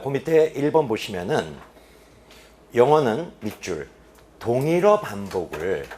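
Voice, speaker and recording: A male teacher gives an English reading lecture in a mid-range voice, with slight background noise in the boarding academy classroom. His lively delivery has him answering his own questions to the students, punctuated by sharp dips into quiet emphasis.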